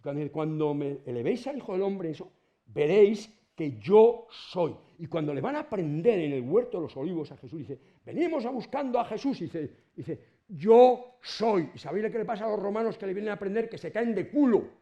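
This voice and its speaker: A middle-aged man with a Spanish accent from Spain, giving an informal lecture to students in a colloquial, animated way and swearing casually. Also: sits high, fairly quick, lo-fi sound. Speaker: university lecturer.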